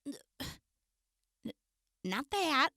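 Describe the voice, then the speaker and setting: Very high, bright female voice, actress as flustered, foul-mouthed young jailed woman, audio drama. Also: very animated, very slow, no echo, studio quality, heavily acted. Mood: embarrassed, hesitant.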